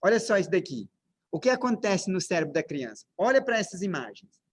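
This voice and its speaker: In a lecture room with slides, a parenting speaker from Brazil, with a Brazilian Portuguese accent, stresses his points hard and keeps throwing rhetorical questions at the audience. He sounds high, husky and sing-song, talking fairly quickly.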